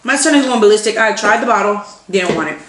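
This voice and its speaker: Young woman vlogger, animated exasperated storyteller, roomy echo, faint background noise. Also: mid-range voice, quick pace. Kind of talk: casual storytelling while eating. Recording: echoey room with faint noise.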